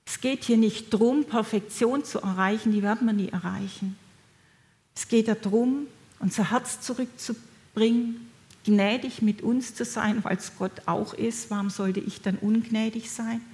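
A middle-aged woman preaching a sermon in a gentle, encouraging way, speaking directly to her listeners. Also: on the high side, fairly even intonation, unhurried.

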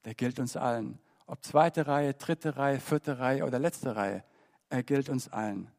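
A man preaching a sermon in a church service, swinging between loud emphasis and soft, quiet appeals. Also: mid-range voice, a little slow, gravelly.

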